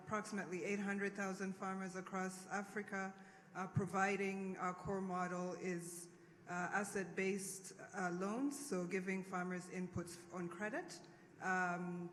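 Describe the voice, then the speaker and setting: Flat-toned woman panelist. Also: medium pitch, a little hiss or hum. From Rwanda. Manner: steady, many fillers. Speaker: NGO staff, panelist. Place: large conference hall. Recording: reverberant conference hall, faint ambience.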